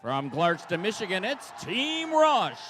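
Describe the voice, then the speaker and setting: A man announcing teams at a live event in a booming, hyped fighting-game announcer manner, drawing out the names. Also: wildly swooping pitch, measured pace, a bit bright, a faint crowd, a little hiss or hum. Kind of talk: hyped team introductions at a live competition.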